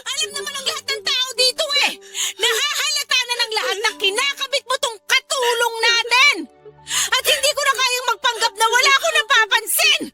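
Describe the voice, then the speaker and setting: An actress playing a jealous pregnant wife in a radio drama, confronting and accusing, then shouting hysterically. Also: female voice, extremely high pitch, lively intonation, normal speed, soft background music, exaggerated voice.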